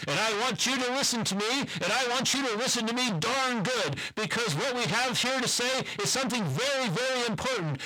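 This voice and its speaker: A man doing a high, bright megaphone orator. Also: heavily acted, poor audio. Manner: emphatic, insistent, repetitive urging. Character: man orating to a large audience through a megaphone. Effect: megaphone filter. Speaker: podcast mixer reviewer demoing effects. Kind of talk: mock public address to a crowd.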